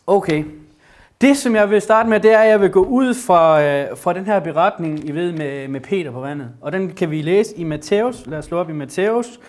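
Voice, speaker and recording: A man delivers a casual sermon with a slightly high voice. He sounds excited and talks loosely, with plenty of hesitations and restarts. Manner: enthusiastic, many fillers and restarts. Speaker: preacher. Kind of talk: informal sermon with Bible reading.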